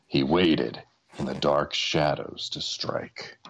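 A man's voice: extremely low pitch, takes it slowly, a bit bright. A man narrating a children's adventure story from a script in a dramatic style. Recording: dull lo-fi recording.

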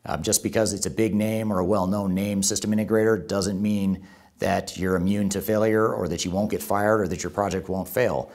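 A man's voice: on the low side, steady tone, moderate pace, darkish tone. A man presenting a top ten countdown as an online video host, explaining in a semi-scripted way and restating key points for emphasis.

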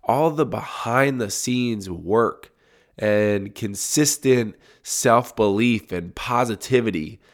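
A congested young man delivers a slow, solo monologue into his podcast mic from a home recording room. The cold gives his low voice a deep, resonant quality, and he reflects calmly, often restarting words while he organizes his ideas.

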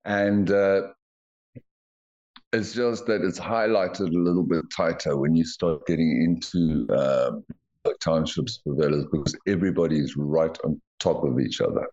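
A man's voice: a bass voice, steady tone, a little slow, a little mellow, muffled recording. A man co-hosting a podcast over a remote call, talking in a theatrical storyteller's way in casual chat. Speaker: podcast co-host.

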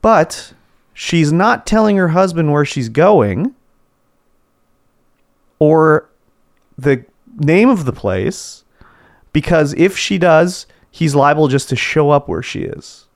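A man's voice: fairly high pitch, expressive, takes it slowly, pauses often, dry recording, clean studio sound. A man, co-hosting a podcast and telling a casual story about his office, acting out what his coworkers said. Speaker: podcast co-host. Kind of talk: casual chat.

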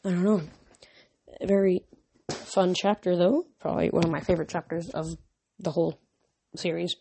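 A man's voice: sits high, steady tone, moderate pace, vocal fry, mellow, a little hiss or hum. A young man reading a novel aloud, with casual, slightly rambling asides between chapters. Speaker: reader of a novel.

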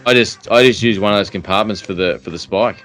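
A man's voice: fairly low pitch, quick pace, fairly bright tone, faint music behind. A man talks casually. His delivery is laid-back and full of slang, like a mate chatting on a fishing show. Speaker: fishing podcast host. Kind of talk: casual chat.

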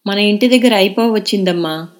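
A woman's voice: mid-range voice, fairly quick, pitched above the performer's own voice, close to an everyday voice. A woman voicing a clever, bashful teenage girl in an audio novel. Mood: girlish. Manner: lively, shy.

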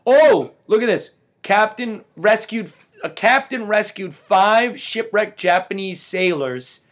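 A man's voice: high voice, a bit bright. A man co-hosting a podcast in casual chat, dry and sarcastic. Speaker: podcast co-host.

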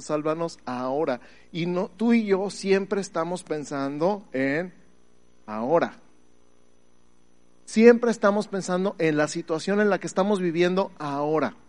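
A middle-aged Mexican man preaching a lively sermon, quizzing his congregation and swinging between loud calls and quiet asides. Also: high-pitched, a little slow. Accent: Mexican Spanish. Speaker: pastor.

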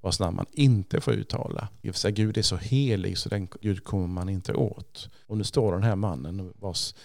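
A man, a priest and Bible teacher, explaining scripture as a podcast guest, thoughtful and slow with pauses and repeats. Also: deep voice, gravelly, darkish tone, no echo, clean studio sound.

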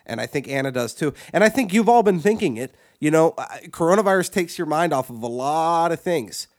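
A man's voice: fairly high pitch, expressive, fairly quick. A man co-hosting a podcast, ranting crudely and profanely, with frequent restarts and repeated words. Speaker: podcast co-host. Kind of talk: crude comedic rant.

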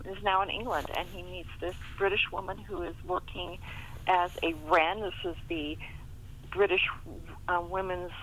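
Poor audio with a bit of hiss or hum carries this middle-aged romance novelist's fairly low, fairly bright voice. As an interview guest she keeps things casual, often chuckling mid-sentence.

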